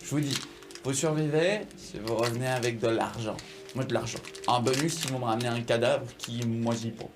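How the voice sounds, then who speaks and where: A man's voice: medium pitch, steady tone, a little fast, background noise. A man, improvising narration and dialogue as a tabletop game master in a casual, hesitant way. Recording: music playing behind the voice. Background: music.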